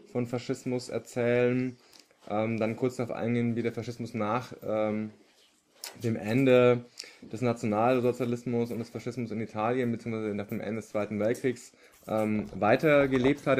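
A man from the Upper Palatinate giving a public lecture, pausing often with filler sounds. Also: mid-range voice, steady tone, a little mellow. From Upper Palatinate, Germany. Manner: hesitant, many filler sounds.

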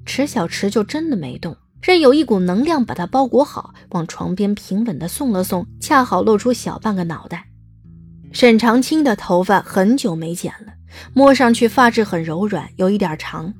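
A woman narrates a scripted audiobook story. Her voice sits at a middle pitch with a husky, breathy grain, over clear background music. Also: lively intonation, moderate pace.

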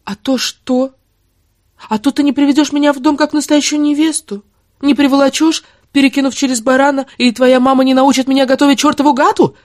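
A woman's voice: medium pitch, very animated, a little fast, breathy edge, dry recording, clean studio sound, voice pushed up. A woman voicing a furious, sarcastic young woman who hurls insults in an audiobook. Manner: shouting insults, biting sarcasm.

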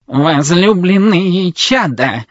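A man voicing a fussy, grumbling male wedding robot with a creaky metallic voice, in an audiobook reading. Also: high-pitched, animated, extremely slow, no echo, voice pushed up, exaggerated voice. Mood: solemn. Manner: pedantic, fussy, complaining. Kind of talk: audiobook character voice. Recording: dull lo-fi recording.

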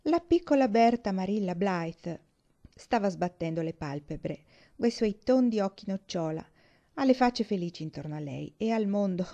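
A woman reading a novel aloud as audiobook narration, in a calm, measured way. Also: medium pitch. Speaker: reader. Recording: dull lo-fi recording.

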